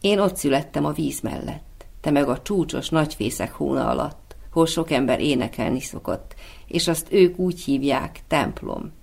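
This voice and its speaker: A man reading as a brave, calm male swallow. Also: fairly high pitch, gravelly, exaggerated voice. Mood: gentle.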